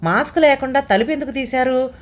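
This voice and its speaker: A woman's voice: moderate pace, lightly acted. A woman narrator voicing a fussy, sarcastic older wife who scolds anxiously in a raised voice. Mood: scolding. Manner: scolding, anxious, higher and louder than narration.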